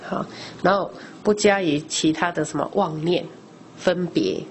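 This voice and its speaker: Middle-aged woman lay teacher, slightly low voice, conversational Dharma lecture full of rhetorical questions; faint background noise. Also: measured pace. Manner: explains by asking rhetorical questions and answering them; frequent discourse particles, conversational teaching.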